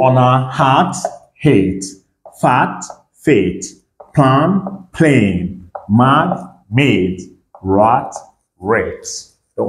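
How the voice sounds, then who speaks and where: A man teaching English pronunciation in French, repeating each English word slowly and often checking whether listeners understand. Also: on the low side, echoey room. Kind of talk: language lesson.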